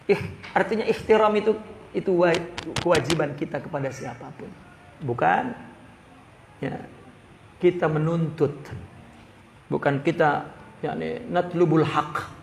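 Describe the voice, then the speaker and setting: Man, religious teacher, high voice, study-circle lecture, Arabic phrases mixed with slang. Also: a little slow, vocal fry, pauses often, slight background noise. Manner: lively, mixes Arabic phrases and Jakarta slang. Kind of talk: lecture on a classical Arabic text.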